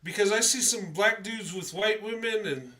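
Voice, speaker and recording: With a stuffy nose and obvious congestion, a man hosts a casual livestream in a high voice at normal speed. His tone is pushed and bright, and he wanders through his words hesitantly, using lots of fillers and starting over often.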